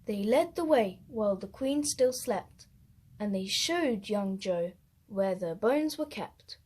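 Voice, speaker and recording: Reading a rhyming children's story aloud, a woman storyteller uses a husky, mid-range voice. She is expressive and stresses words deliberately.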